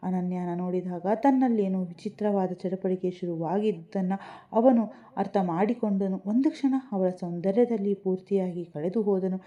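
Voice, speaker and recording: Mellow-voiced woman narrating a love story. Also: medium pitch, moderate pace, lo-fi sound. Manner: even, descriptive storytelling.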